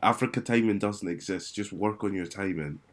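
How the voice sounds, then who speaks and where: A man's voice: on the low side, moderate pace. A young man with a London roadman accent, bantering casually and teasingly in street slang as a podcast co-host. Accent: London, urban roadman slang. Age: young adult.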